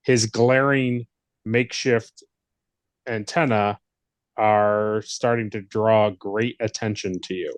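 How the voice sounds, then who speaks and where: A man runs a tabletop game, narrating at a slow, easy pace. He laughs often, and his voice sounds dry and close. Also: lowish voice, steady tone, no room sound. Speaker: game master.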